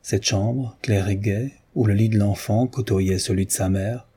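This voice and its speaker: A man narrating a classic novel in a measured, even reading style. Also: lowish voice, slightly rough. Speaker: audiobook narrator. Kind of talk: literary narration.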